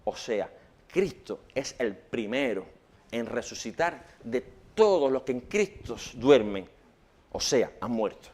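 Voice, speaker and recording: A man preaching a sermon in church, swinging between loud rhetorical questions and hushed quotations. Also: medium pitch, sing-song, slow pace.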